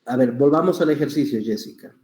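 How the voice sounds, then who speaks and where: A man, a public speaking instructor teaching an online class, patient and explaining with examples while deliberately varying pace and volume. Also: mid-range voice, darkish tone, echoey room.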